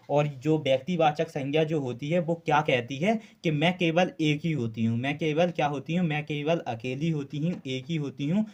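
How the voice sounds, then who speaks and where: Hindi teacher drilling questions at the class. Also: male voice, on the high side, a little mellow. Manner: asks the class questions and answers them himself, repeats key terms; frequent "uh" fillers and restarts. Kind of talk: classroom lecture for exam students.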